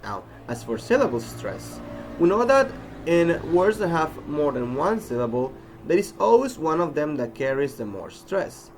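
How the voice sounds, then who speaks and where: Gravelly man with a lively teaching voice. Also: on the high side, faint music behind, rough recording. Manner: deliberate, demonstrates sounds slowly with example words. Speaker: pronunciation teacher. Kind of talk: recorded English pronunciation lesson.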